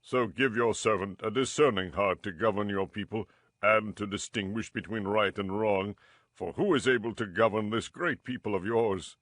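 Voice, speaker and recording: King Solomon, bright, earnest voice. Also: fairly low pitch, normal speed, no room sound, studio quality. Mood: humble, earnest. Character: wise, authoritative young king of ancient Israel. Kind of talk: dramatized scripture reading.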